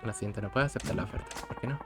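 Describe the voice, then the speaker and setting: A man's voice: fairly low pitch, racing, creaky. A man reading the lines of a stubborn young male journalist, earnest and determined. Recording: game music behind the voice.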